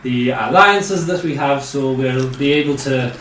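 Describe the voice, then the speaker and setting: Man doing a formal male recruiting officer, businesslike, halting with "uh", roomy sound, distant mic, faint hiss. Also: mid-range voice, lightly acted. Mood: briefing. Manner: measured, many "uh" pauses.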